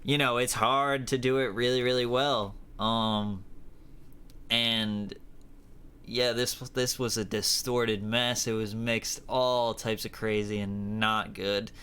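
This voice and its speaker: A man's voice: medium pitch, little pitch movement, slow pace, pushed and bright, clear, resonant tone. A man hosting a music review show, giving a blunt, rambling critique full of fillers and swearing. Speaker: host reviewing music submissions. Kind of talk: casual critique.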